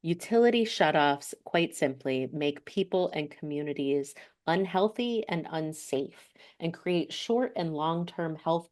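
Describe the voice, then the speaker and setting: A woman with a low-pitched voice walks an audience through a slide presentation. She explains step by step and often pauses on an um or corrects herself mid-sentence. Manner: explanatory, frequent ums and self-corrections. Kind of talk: slide presentation on energy costs.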